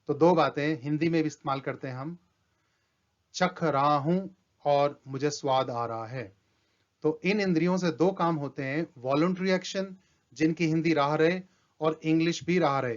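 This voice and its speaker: Teacher guy, slow and careful, kinda high voice, muffled lo-fi audio. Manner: slow and deliberate, reads English examples out word by word. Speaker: English teacher. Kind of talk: grammar lesson. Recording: dull lo-fi sound.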